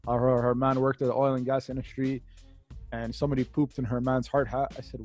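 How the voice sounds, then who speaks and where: A man from Canada in a casual group chat, telling stories quickly and often asking "you know what I mean". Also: medium pitch, faint music behind. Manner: fast, animated storytelling with frequent "you know what I mean".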